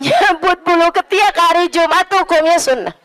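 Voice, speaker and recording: A woman preacher delivering an Islamic sermon, telling stories with acted voices and dropping to hushed, earnest tones. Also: extremely high pitch, moderate pace, no echo, poor audio. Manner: lively storytelling, acts out voices in quotes, drops to hushed tones.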